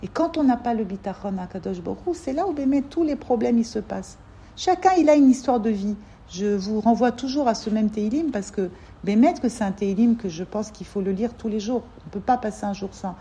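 A woman with a fairly high, swinging voice leads an informal faith class for a circle of women. She gets animated, stumbles and repeats herself, and slips into acting out short conversations to make her point. A faint hiss runs underneath. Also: a little fast. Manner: animated, repeats words, acts out dialogues. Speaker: religious teacher.

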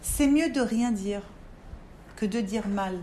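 A woman teaching a religious class to a group of women, animated and talking straight to her listeners. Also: mid-range voice, takes it slowly, background noise. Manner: animated, talks straight to listeners, acts out inner voices. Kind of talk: lively spoken religious lesson.

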